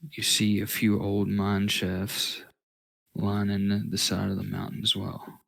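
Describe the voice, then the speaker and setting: A man's voice: fairly low pitch, monotone, takes it slowly, vocal fry, poor audio. A man narrating a tabletop role-playing game casually, improvising scenes as game master.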